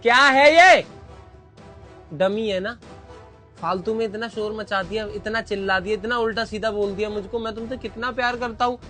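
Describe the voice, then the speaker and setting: A man acting as a husband in a family skit, trying to calm and placate his wife. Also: high-pitched, moderate pace, soft background music. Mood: placating. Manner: placating, dismissive. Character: husband pulling a prank, soothing his angry wife.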